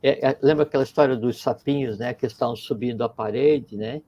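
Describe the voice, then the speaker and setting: A man's voice: mid-range voice, a little fast, mellow. A man talking reflectively in a conversation, circling his points with repeated phrases and little parables. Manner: digressive, repeats phrases, tells parables with acted quotes.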